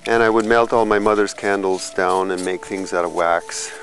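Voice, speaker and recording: A man in his fifties from California, a musician telling his life story in a slow, reflective documentary interview, pausing and restarting as he thinks. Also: sits low, steady tone, fairly bright tone, poor audio. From California, USA. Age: 50s. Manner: slow, thoughtful, with pauses and small restarts.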